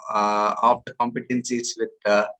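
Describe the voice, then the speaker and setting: A man's voice: fairly low pitch, little pitch movement, normal speed, bright, forceful tone, poor audio. Polite, formal male interview host. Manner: formal, polite introductions with fillers. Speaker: podcast host. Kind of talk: hosting an interview.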